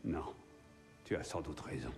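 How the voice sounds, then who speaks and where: A man playing a frank, thoughtful brotherly adviser in a video game, speaking in a measured, reflective way. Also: a bass voice, vocal fry, darkish tone, breathy edge, faint music behind, full character voice. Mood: reflective, candid. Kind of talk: video game drama acting.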